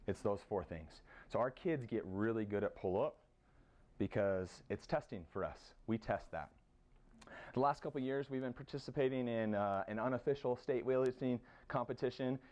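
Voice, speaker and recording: A man with an American accent, a high school strength coach giving a casual conference presentation, with plenty of fillers as he lists exercises. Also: a little mellow, clean tone. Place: conference room.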